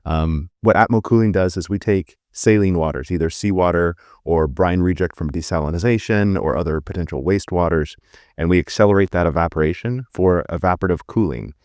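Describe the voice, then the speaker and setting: A middle-aged man, a company CEO, explaining his work in a relaxed, conversational way on a panel. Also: low voice, brisk, no room sound, clean studio sound. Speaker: startup CEO.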